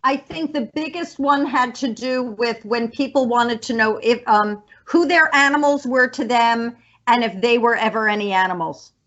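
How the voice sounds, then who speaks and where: A woman in her fifties, a resident psychic on a college radio show, speaking slowly and earnestly in a heartfelt, rambling farewell chat. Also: a little high, a bit bright, muffled recording. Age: 50s. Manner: slow, earnest, emotional and rambling.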